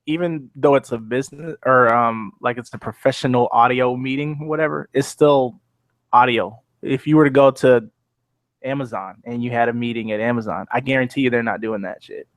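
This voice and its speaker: A man's voice: medium pitch, normal speed. A man with a mid-range voice speaks bluntly on a podcast and drops curse words without a second thought. The sound is dry and close, with no room echo. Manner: blunt, swears casually. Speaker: podcast co-host. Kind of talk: casual chat.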